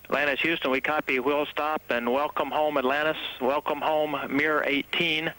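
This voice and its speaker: A man's voice: fairly high pitch, flat delivery, normal speed, pushed and bright. Fields: Sex: man. Role: mission control communicator. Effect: distant space mission radio link. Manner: formal, raised radio calls. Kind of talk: radio call to the crew.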